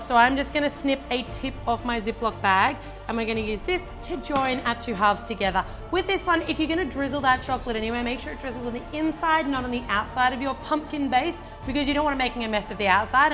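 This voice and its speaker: Over music, a baking channel host talks fast with hardly any pauses, her voice fairly high. She's an Australian woman in her thirties cooking in a home kitchen, chatty and upbeat as she explains every step.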